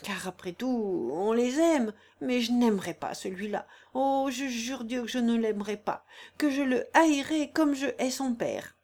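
A woman's voice: mid-range voice, lively intonation, a little slow, a little mellow, lightly acted. A woman voicing a fierce, robust singer in agonizing labor, cursing, defiant and cynical. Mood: bitter. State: in agonizing pain.

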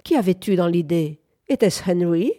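A woman's voice: mid-range voice, expressive, moderate pace, mellow, no echo, studio quality, voice pushed up, close to an everyday voice. A woman reading aloud, voicing a nervous, fretful young woman in a plaintive, whining tone.

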